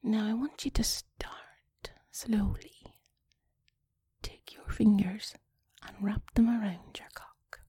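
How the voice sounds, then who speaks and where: In an intimate audio roleplay, a woman with an Irish accent plays a flustered, chatty wife, speaking haltingly and coaxingly and often slipping into a breathy whisper. Her medium-pitched voice is steady and warm, and the recording is clean studio sound with no room echo. The mood is soft and coaxing.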